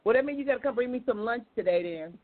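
She speaks fast in a slightly high, animated voice, an American woman hosting a casual live talk show and taking calls. The questions are informal and folksy, and the recording sounds thin, like a phone.

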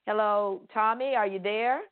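A woman's voice: medium pitch, normal speed, clean tone. A middle-aged woman from Florida hosting a faith-based podcast interview, earnest and enthusiastic, often repeating words for emphasis. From Pensacola, Florida. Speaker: podcast host. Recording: tinny phone-like sound.

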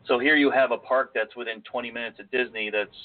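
A man's voice: mid-range voice, fairly even intonation, fast talker. A man co-hosting a casual podcast, talking in a rambling, self-deprecating way with a nasal voice. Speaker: podcast co-host. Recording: phone-like lo-fi audio with faint music.

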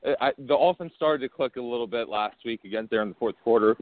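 A man's voice: medium pitch, fast. A man co-hosting a sports talk show, hesitant and repeating words as he gives his picks. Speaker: sports radio co-host. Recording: phone-like line.

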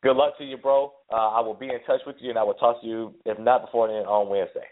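A man with a head cold and a stuffy voice, hosting a casual sports podcast. He talks in a relaxed way, laughs easily and often repeats his words. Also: mid-range voice, quick pace. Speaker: podcast host. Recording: phone-line audio.

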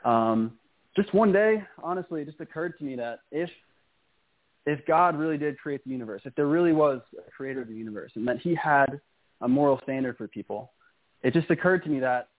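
A young man from New York calls into a radio show, speaking earnestly and pausing on frequent ums. His voice sits at a middle pitch and comes through a narrow, tinny phone line. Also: expressive. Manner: earnest, hesitant with many ums. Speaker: guest. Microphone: phone call.

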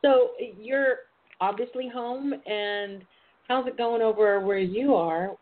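A woman's voice: a little high, slow. An American woman hosting a casual phone-in talk show in a sassy, playful, chatty way. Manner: sassy, playful, uses endearments like darling and honey. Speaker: talk show host and intimacy coach. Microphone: telephone. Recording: tinny phone line with clear noise.

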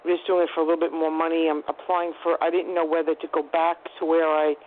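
A woman's voice: sits low, flat delivery, slight background noise. A woman's voice comes through a thin, tinny phone line as she calls in to a radio program. She talks casually and hesitantly, stopping and restarting her thoughts. The sound is narrow and boxed in, like a telephone call. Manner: hesitant, halting, trails off mid-sentence. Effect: caller's voice heard over a phone line on the radio. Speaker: radio show caller.

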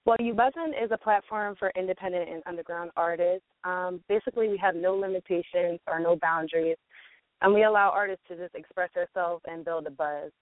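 A woman's voice: on the low side, steady tone, brisk, no echo. Woman talking over a tinny phone line. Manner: chatty, with many ums and fillers. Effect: heard over a phone line. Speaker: guest from a music platform's marketing team. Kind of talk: phone-in radio interview.

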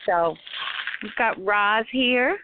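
A woman's voice: medium pitch, drawn-out words, background noise. A middle-aged or older woman with a Rhode Island accent, chatting casually as host of a talk show. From Rhode Island, USA. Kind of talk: casual panel chat. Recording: tinny phone-like internet call audio.

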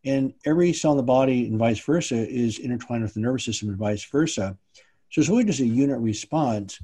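Husky-voiced male surgeon host. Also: medium pitch, brisk, dark tone. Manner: attentive listener, brief affirmations, then explanatory. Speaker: spine surgeon, podcast host. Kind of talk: interview conversation.

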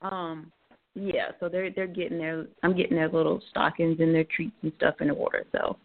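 A woman co-hosting in casual chat, with a hoarse, croaky frog voice as if she is losing it. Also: deep voice, level tone, moderate pace. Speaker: co-host. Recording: tinny phone-line internet radio.

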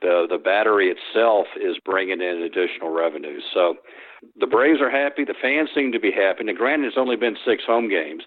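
Speaking briskly in a lowish voice, this man is a sports historian answering phone interview questions. He rambles, restarts frequently, and uses lots of fillers, all heard through a telephone on a tinny line.

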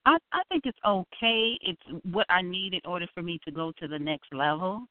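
A woman's voice: on the low side, moderate pace, no echo. A woman from Illinois comes through as a radio show caller on a thin, tinny phone line. The sound is dry and close, with no room around it. She asks her questions hesitantly, feeling her way. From Illinois, USA.

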